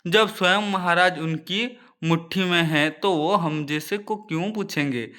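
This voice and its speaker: A man's voice: sits high, unhurried, pushed and bright. A man doing a resentful scheming courtier. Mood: sulky, resentful.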